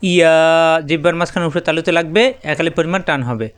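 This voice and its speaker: A man teaching Arabic letter pronunciation, explaining in Bengali and repeating each letter name slowly with drawn-out vowels. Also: a little high, a bit bright. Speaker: Quran recitation teacher.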